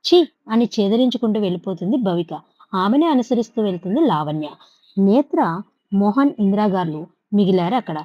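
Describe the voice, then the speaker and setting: A woman's voice: mid-range voice, lively intonation, brisk, dry recording. Brief: woman audiobook narrator, conversational, dry close mic, dull lo-fi. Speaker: storyteller. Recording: dull lo-fi recording.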